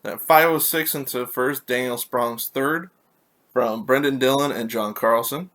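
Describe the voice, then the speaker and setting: Unhurried and fairly bright at medium pitch, a Californian's slightly allergy-raspy voice carries a casual solo hockey recap. He rambles as he reads scores and stats and corrects himself along the way.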